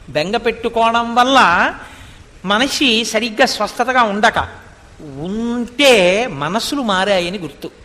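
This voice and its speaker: A man's voice: very high-pitched, bright, forceful tone, big-room sound. A man giving a devotional scripture discourse, expounding with rhetorical questions and reciting Sanskrit verses. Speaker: spiritual discourse speaker.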